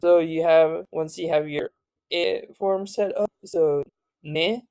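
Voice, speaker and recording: A tired tutor walks through a language lesson at an unhurried pace. The voice is mellow and a little dark, recorded dry and close. The talk stops and restarts often, with fillers and self-corrections. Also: mid-range voice, steady tone, clean tone, dry recording. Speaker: language teacher. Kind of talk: casual spoken lesson.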